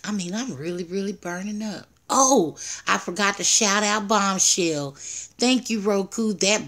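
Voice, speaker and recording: A woman's voice: medium pitch, a little slow, a bit bright. An older woman chatting casually on a live stream at home through her tablet's built-in mic, rambling, greeting viewers and laughing at herself. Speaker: livestreamer.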